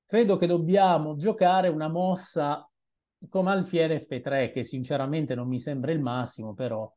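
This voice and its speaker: A young man commenting on his own chess game as he plays, thinking aloud in an unhurried, musing way with hesitant asides, recorded on a webcam at a desk in a small room. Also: on the high side, dark tone. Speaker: chess streamer.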